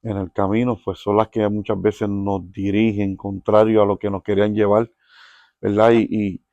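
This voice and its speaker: A man's voice: lowish voice, level tone, moderate pace, dark tone, no room sound, highs cut off. A man hosting a Spanish-language interview podcast, asking questions earnestly and often adding tag questions. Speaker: podcast host.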